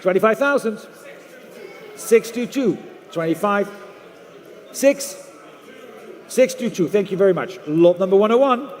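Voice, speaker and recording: A man runs a live auction in a high voice. He repeats figures and bids again and again as he calls for the next one. His voice rings through a large, reverberant hall. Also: lively intonation, unhurried, long pauses, a little mellow. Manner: repetitive calling of numbers and bids. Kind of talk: live auction bid-calling.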